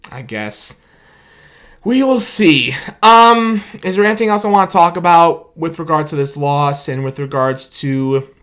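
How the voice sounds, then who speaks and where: Late at night, a tired young sports fan who hosts reaction videos rambles through a long, grateful sign-off after the game, his medium-pitched, slightly bright voice starting to go. He's recording on a camera mic with his own light.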